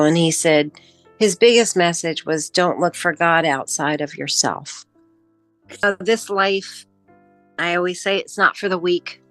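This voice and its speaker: A middle-aged woman telling her own near-death story in a personal testimony, emotional and halting, with pauses and fillers. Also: sits low, no echo. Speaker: near-death experience witness.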